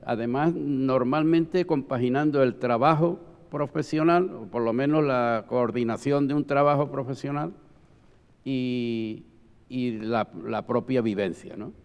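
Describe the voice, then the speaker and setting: Unhurried and mid-pitched, an older former Holy Week proclamation speaker looks back on the past as a panel guest. He speaks reflectively and with emphasis, frequently seeking agreement. The lo-fi sound carries a long hall reverb.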